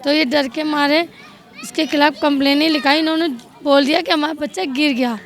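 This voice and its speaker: A woman's voice: high-pitched, steady tone, a little fast. A middle-aged woman giving a distressed, pleading account in a street interview outdoors. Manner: distressed, pleading, tearful at times. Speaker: victim's stepmother.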